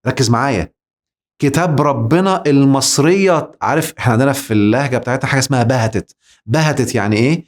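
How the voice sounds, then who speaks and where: A man with an Egyptian Arabic accent giving a religious lecture, emphatic and rhetorical, speaking straight to the listener. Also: medium pitch.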